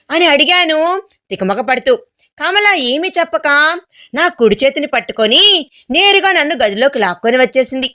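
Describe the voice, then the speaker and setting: Bright high-voiced woman storyteller. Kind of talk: scripted narration.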